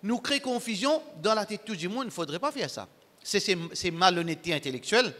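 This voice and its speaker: A man preaching to his congregation, emphatic and repetitive, in broken, halting phrasing. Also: high-pitched, animated, fairly bright tone, big-room sound. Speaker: Islamic preacher. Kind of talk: sermon to a congregation.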